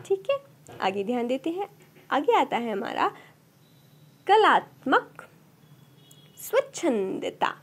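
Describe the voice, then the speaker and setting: A woman's voice: sits high, darkish tone. A woman teaching an exam-prep lecture, asking rhetorical questions and answering them herself. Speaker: Sanskrit teacher.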